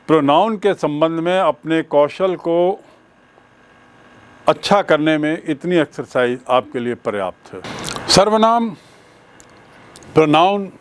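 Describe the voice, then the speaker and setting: Slow, deliberate male teacher. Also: a little high. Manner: slow, deliberate, repeats and spells out key terms. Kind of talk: bilingual grammar lecture.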